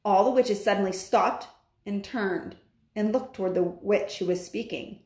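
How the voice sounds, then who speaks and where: A woman's voice: mid-range voice, normal speed, a little mellow. A woman reading a children's novel aloud, adding chatty asides, recorded in an echoey room.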